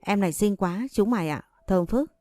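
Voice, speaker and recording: A woman's voice: mid-range voice, normal speed, warm tone, dry recording, faint music behind, natural voice. A woman voicing a crude, jeering male street thug in an audiobook story.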